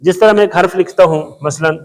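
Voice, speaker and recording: A man teaching a Quran reading lesson, explaining patiently with emphatic repetition. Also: high voice. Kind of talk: classroom lesson explaining Arabic letters. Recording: long hall reverb.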